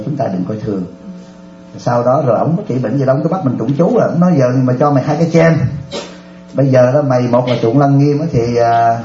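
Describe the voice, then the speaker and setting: A man's voice: mid-range voice, echoey room, lo-fi sound. A Buddhist monk, animatedly telling stories in a dharma talk and often laughing with his audience. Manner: animated storyteller, often laughing, addresses listeners directly.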